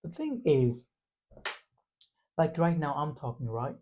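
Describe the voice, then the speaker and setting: A man's voice: a little high, sing-song, slow, warm tone, slight background noise. A man from Punjab with an Indian accent, talking reflectively to camera in a loose, casual way. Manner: reflective, loose phrasing full of fillers. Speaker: vlogger.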